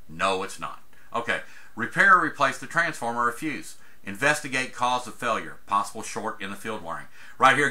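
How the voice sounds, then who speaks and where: A man with a fairly low, bright and forceful voice teaches an HVAC troubleshooting chart during a casual screen-share tutorial. His manner is folksy and chatty, and he keeps saying "guys."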